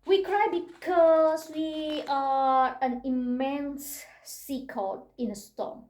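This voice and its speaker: A woman reading a picture book aloud to a child, gentle and unhurried, with little asides and soft laughs. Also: sits high. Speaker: storybook reader. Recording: roomy echo.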